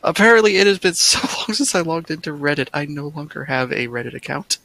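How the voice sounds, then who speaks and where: Young man, gravelly fry and a bright edge; teasing, laughing, swears. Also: fairly high pitch, animated, brisk. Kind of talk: casual gaming voice chat.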